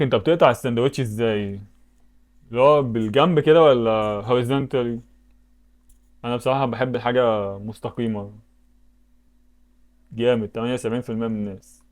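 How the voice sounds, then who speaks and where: Egyptian gaming YouTuber, male, rapid-fire talk, medium pitch, thinks aloud and exclaims. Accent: Egyptian Arabic. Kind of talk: casual commentary while playing web games.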